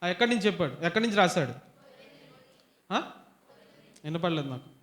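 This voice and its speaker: A man leading a Bible study for young people, who keeps asking questions and pushes the audience to answer louder. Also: sits high, animated, fairly quick. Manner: quizzes the audience, urges them to answer louder. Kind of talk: interactive bible teaching to youth. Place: retreat hall.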